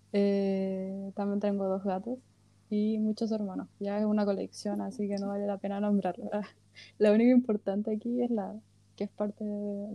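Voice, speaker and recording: Joking and laughing frequently, this Chilean woman in her twenties co-hosts a relaxed podcast and makes fun of herself. Her voice is medium-pitched, and the sound is lo-fi but free of echo.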